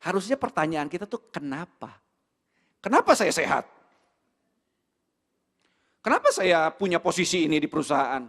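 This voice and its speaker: A man with an Indonesian accent preaching a sermon in a church, animated and full of rhetorical questions, with English words mixed in. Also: fairly high pitch, normal speed, long pauses. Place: church hall. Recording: long hall reverb.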